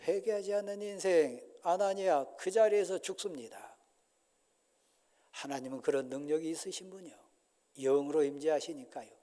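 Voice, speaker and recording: A male pastor preaching a sermon in a church, swinging from loud outbursts to hushed near whispers. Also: on the high side, normal speed. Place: church sanctuary. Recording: long church hall reverb.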